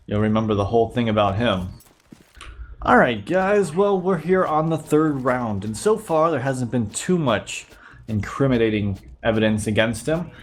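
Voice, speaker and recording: A man who sounds sick, his voice slightly nasal and medium in pitch, narrates gameplay footage casually as a YouTube channel host reviewing the game. His play-by-play is relaxed, and a faint hiss or hum sits under the recording.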